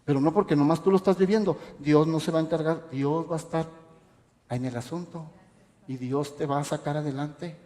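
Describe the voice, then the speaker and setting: Male pastor, impassioned sermon, rhetorical questions, mellow tone, long hall echo. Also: fairly high pitch, a little fast. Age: adult parent. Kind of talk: radio sermon. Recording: echoey hall reverb.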